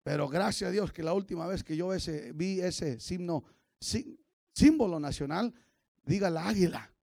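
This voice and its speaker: Fiery high-pitched pastor. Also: male voice, normal speed, creaky, no echo, clean studio sound. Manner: fiery preaching that swings from shouts to quiet asides; calls on the congregation to repeat after him. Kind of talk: Sunday sermon.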